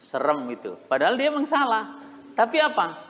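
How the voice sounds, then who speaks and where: Lively man preaching in an echoing mosque. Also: sits high, brisk. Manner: animated storytelling with laughs, mimics shouting. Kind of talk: mosque sermon. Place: mosque hall. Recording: muffled reverberant hall recording.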